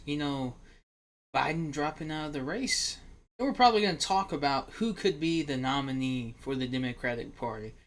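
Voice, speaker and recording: A man's voice: a little high, a bit bright. A young man hosting a casual livestream, rambling to his viewers, calling them "boys" and talking loosely with many fillers and restarts. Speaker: livestream host.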